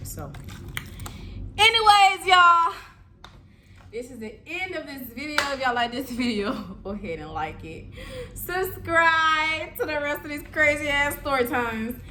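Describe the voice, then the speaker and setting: Animated young woman telling a storytime. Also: sits high, normal speed, background noise. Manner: animated, laughing, talks straight to viewers. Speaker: vlogger. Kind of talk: casual storytime vlog.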